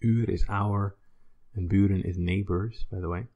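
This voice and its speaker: Low, gravelly man; patient pronunciation teacher. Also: fairly even intonation, normal speed, phone-quality sound. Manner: patient, demonstrates sounds by repeating words. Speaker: Dutch language teacher. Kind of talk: pronunciation lesson.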